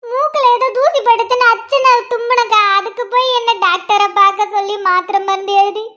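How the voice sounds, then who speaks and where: A woman's voice: very high-pitched, a little fast, sharp tone. A woman voicing a panicky young woman terrified of needles, who pleads and wails over and over in a cartoon. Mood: pleading. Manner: pleading, wailing, repetitive begging.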